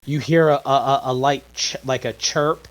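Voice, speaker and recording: A man's voice: mid-range voice, fairly even intonation, moderate pace, low-quality recording. A man narrating a tabletop game as game master, stopping and restarting often as he describes the scene.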